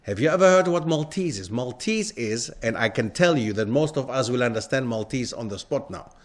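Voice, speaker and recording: A man's voice: mid-range voice, animated, a little fast. A man giving an interactive lecture to a live audience, often stopping to put questions to the listeners. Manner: quizzes the audience with frequent questions. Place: lecture hall.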